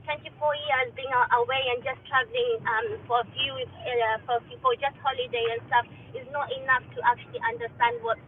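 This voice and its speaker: A woman's voice: a little high, steady tone, brisk, few pauses. A woman from Kenya speaking earnestly and hesitantly in a casual discussion, heard through a Bluetooth headset mic that sounds far off. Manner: earnest, hesitant, with many restarts. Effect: Bluetooth headset mic, heard as if from afar. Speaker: diaspora participant in an online audio discussion. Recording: tinny Bluetooth call line with faint noise.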